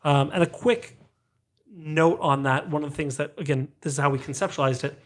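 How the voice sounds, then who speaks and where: A man hosting a casual podcast, animated and telling stories with acted-out dialogue. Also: fairly high pitch, a little fast. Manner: animated storyteller who acts out quoted dialogue. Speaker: podcast host.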